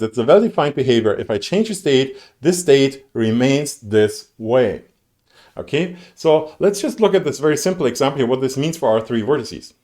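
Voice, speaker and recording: A man's voice: mid-range voice, mellow. A man giving a university lecture, talking conversationally with many fillers, restarts and dry sarcasm. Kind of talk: recorded lecture on graphics programming. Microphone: streamed lecture mic.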